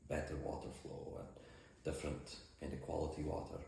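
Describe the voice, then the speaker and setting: A man's voice: very deep voice, big pitch swings, fairly quick, creaky, dark tone. A man with a Shetland accent answering interview questions in an understated, matter-of-fact way. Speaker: mussel farmer and boat skipper. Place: indoors in an office. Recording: very echoey room, faint noise.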